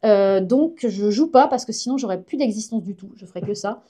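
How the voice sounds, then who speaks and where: Chatty woman with a mellow voice. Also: medium pitch, fairly quick. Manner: chatty, informal, enthusiastic. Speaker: guest, comic artist and science journalist. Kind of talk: casual live-stream chat.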